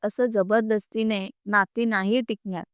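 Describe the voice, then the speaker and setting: A woman's voice: medium pitch, fairly even intonation, measured pace, smooth, no room sound, studio quality, natural voice. A woman reading as a tearful, pleading young wife. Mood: angry.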